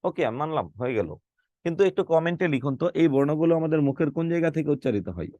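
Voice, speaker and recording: A man's voice: on the high side, expressive, rapid-fire, warm tone, dry recording, dull audio. A middle-aged man, a teacher, giving an online lecture on Bengali phonetics, saying letters aloud and putting questions to his students. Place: online class, live with students.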